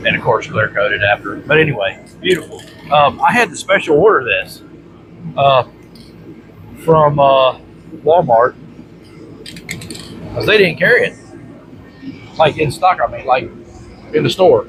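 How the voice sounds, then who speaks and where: A mid-range male voice speaks at a measured pace with long pauses, congested and chesty from bronchitis and often clearing his throat. As a vlog host, he rambles casually and folksily to camera from his workshop. A running heater adds steady background noise.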